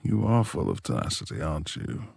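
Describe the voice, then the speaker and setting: In a romantic ASMR roleplay, a man fully voices a brooding, reclusive, beast-like lord, proud and courteous yet quick-tempered, using formal, old-fashioned phrasing in a gravelly, husky voice. His pitch is extremely low, sing-song and a little mellow, his mood warming and courteous, with no echo.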